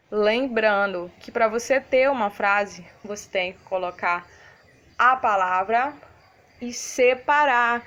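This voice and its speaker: A woman's voice: on the high side, a bit bright. Patient Brazilian woman teaching small children. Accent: Brazilian Portuguese. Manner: patient, didactic, checks in often with "né, crianças?". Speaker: primary school teacher. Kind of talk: recorded lesson for young children.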